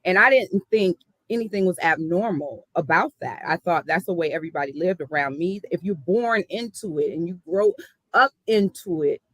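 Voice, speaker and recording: A woman's voice: on the low side, animated, moderate pace, a bit bright, dry recording, low-quality recording. A woman from the South Side of Chicago, a hip hop artist telling her story in an earnest, reflective interview.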